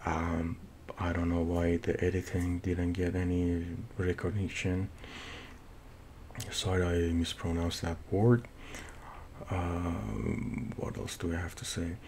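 A middle-aged man with a thick Persian accent talks through a casual film review in a low, fairly flat voice. He goes slowly and haltingly, restarting phrases as he hunts for words. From Iran. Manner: halting, searching for words with repeated false starts. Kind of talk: casual unscripted movie review. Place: small home office, indoors. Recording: noisy room recording with low rumble.

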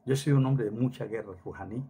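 A man's voice: medium pitch, quick pace, creaky, warm tone, a little hiss or hum. A middle-aged man preaching a sermon emphatically, repeating phrases for stress and dropping Hebrew words into his talk.

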